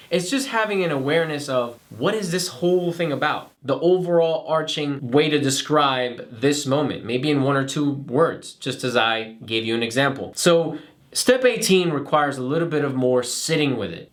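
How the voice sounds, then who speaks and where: A man teaching acting, explaining a method step by step in a clear, instructional way. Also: medium pitch. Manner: clear, step-by-step explaining with demonstrated flat robotic line readings. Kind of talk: instructional talk to camera.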